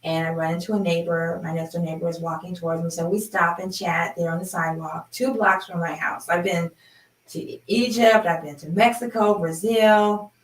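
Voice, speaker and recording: Chatty storyteller, woman in her fifties, animated delivery; distant mic, reverberant room. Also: fairly low pitch, normal speed. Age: 50s. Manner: chatty, animated, laughs while telling. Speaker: sound healing host. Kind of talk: personal storytelling. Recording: roomy, from a distance.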